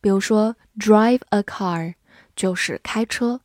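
A woman teaching English words in a measured, unhurried way, spelling each one out letter by letter. Her voice sits at a middle pitch. The recording is dry and close, with no room sound. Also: darkish tone, dry recording. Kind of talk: vocabulary lesson.

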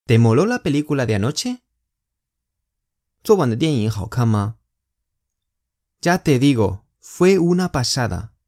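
Male language teacher, slow and deliberate, animated intonation, drills phrases clearly with strong emphasis. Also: mid-range voice. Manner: repeats phrases slowly and clearly for learners; exaggerated emphasis on example words. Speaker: Spanish teacher. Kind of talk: language lesson.

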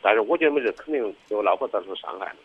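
A man's voice: on the low side, lively intonation, very fast, slightly rough, no room sound. A man calling in to a radio advice show, explaining himself hurriedly and defensively. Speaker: caller. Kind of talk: phone-in call to a radio show. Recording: tinny phone line.

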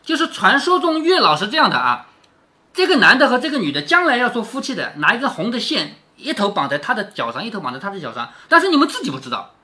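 A man reads a classic novel to his daughter and breaks off to explain it in plain, chatty words. He keeps checking in with questions, and his bright voice swoops up and down. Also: sits high, huge pitch swings, fast talker. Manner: chatty, asks the listener questions. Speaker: father reading aloud to his daughter. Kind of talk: casual storytelling with explanations.

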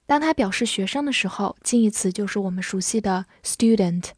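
A woman teaching English vocabulary, spelling words letter by letter and reading examples slowly and clearly. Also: mid-range voice, darkish tone, no echo, studio quality. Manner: clear and patient, drawn-out model readings.

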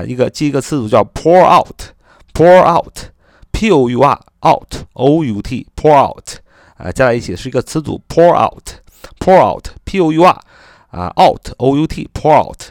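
A man hosting a spoken vocabulary lesson who repeats and spells out words slowly, with chatty fillers. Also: medium pitch, no room sound, clean studio sound. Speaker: English vocabulary teacher.

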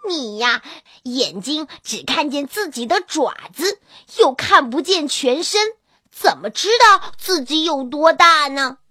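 Woman doing a high sly little kitten. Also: slow, no room sound, studio quality, full character voice. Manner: sly, lively and persuasive. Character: small clever quick-witted kitten. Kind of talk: children's storybook reading.

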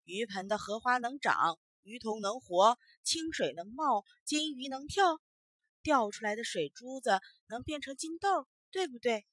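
A woman's voice: on the high side, animated, measured pace, fairly bright tone, dry recording. A woman voicing a pompous, bullying male county magistrate in a storybook tale, speaking in a blustering, accusing way.

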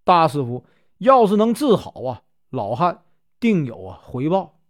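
A man's voice: on the high side, big pitch swings, unhurried. A man with a Northeastern Mandarin accent voicing a courteous, grateful elderly landlord who speaks deferentially. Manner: polite, deferential.

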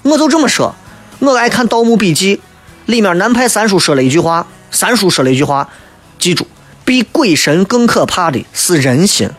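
A man's voice: sits high, sing-song, moderate pace, soft background music. A man in his thirties with a Shaanxi accent from Xi'an, hosting a humorous radio chat in a joking, mock-exasperated manner. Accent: Shaanxi (Xi'an) Chinese. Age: 30s. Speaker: radio show host. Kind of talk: humorous radio chat, reading listener messages.

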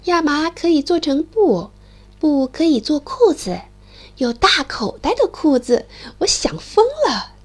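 A woman voicing an eager, excited little male mole who pleads and calls out for help. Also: sits high, measured pace. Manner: pleading, chirpy, cries out loudly.

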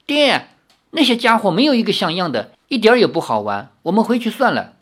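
The narrator voicing a haughty, fiery young swordswoman in an audiobook, with a shrill, imperious, quick-tempered manner. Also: big pitch swings, fairly bright tone. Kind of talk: audiobook character voice.

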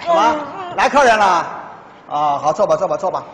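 A man's voice: sits high, very animated, a crowd in the background. An actor playing a doting, clueless middle-aged father in a stage comedy sketch, boastful and theatrical. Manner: boastful, theatrical, drawn-out slogans. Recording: reverberant stage hall.

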